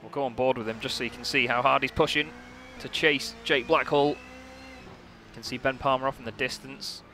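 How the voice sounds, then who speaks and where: A man giving live sim racing commentary as a motorsport commentator, casual, chatty and excitable. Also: medium pitch, a little fast. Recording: noisy, car engine sound behind. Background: racing car engines.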